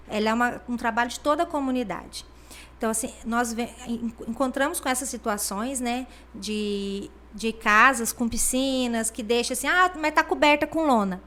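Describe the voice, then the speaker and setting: Her voice is fairly high in pitch and fairly bright. The speaker is a Brazilian regional health superintendent interviewed as a guest, who explains things with many fillers such as "né" and acts out quoted speech.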